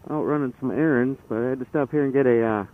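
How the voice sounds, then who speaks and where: A motorcycle vlogger talks casually and hesitantly from inside his helmet, rambling as he rides. His mid-range voice moves fast and sounds phone-like through the band-limited helmet mic, with engine and road noise behind him.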